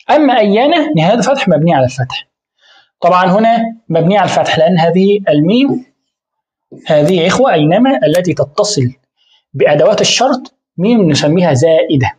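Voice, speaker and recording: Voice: medium pitch, darkish tone. A grammar teacher explaining a lesson, tossing out rhetorical questions and answering them, repeating key terms again and again.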